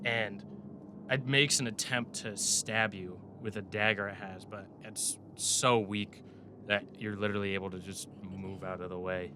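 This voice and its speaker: A man's voice: fairly low pitch, fairly even intonation, moderate pace, noisy background. A man narrating a tabletop game as game master in a descriptive, conversational way.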